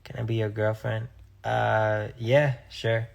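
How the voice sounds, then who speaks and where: Young man from Rhode Island, a singer doing live-stream Q&A, gravelly and laid-back. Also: on the low side, slow. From Rhode Island, USA. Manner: relaxed, reads viewer questions aloud and answers offhandedly. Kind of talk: casual live-stream chat answering viewer comments.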